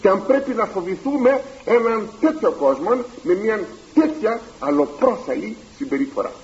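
A male preacher delivers a dramatic sermon in formal, old-fashioned church diction, pressing his listeners with rhetorical questions. His voice sits high and leaps widely in pitch. The recording is dull and lo-fi. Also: animated, a little mellow.

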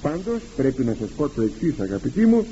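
A Greek priest giving a sermon to his congregation, animated and rhetorical, acting out quoted exchanges with the faithful. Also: mid-range voice, highs cut off, a little hiss or hum. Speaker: priest and confessor.

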